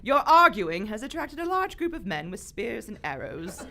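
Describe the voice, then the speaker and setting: A woman's voice: mid-range voice, big pitch swings, normal speed, gravelly, pushed and bright, heavily acted. A woman playing a reckless aristocratic lady adventurer in live radio theater, flippant, defiant and haughty. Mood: wry.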